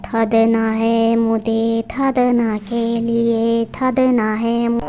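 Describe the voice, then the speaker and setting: A meek young bride lisps her words in a slightly high voice, acted by a woman. She talks at an unhurried pace. The cartoon audio is dull and lo-fi, with soft music underneath. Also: level tone. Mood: pleading. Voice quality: childlike lisp.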